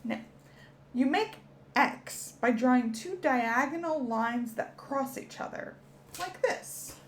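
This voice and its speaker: Casting: high, slow-paced female children's teacher, cheerful, faint hiss behind. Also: lively intonation. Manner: cheerful, encouraging, speaks to children. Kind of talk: children's educational lesson.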